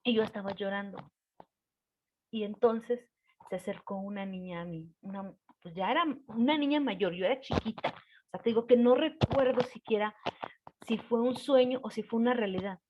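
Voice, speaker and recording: A woman's voice: medium pitch, normal speed, highs cut off, slight background noise. A woman telling a personal story in a casual, hesitant way, with many fillers.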